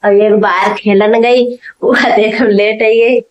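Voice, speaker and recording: Middle-aged woman, home vlogger, casual how-to chat, talks directly to viewers at mid pitch. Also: fairly even intonation, takes it slowly, muffled recording. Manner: chatty, talks straight to viewers; speaks up over a running machine.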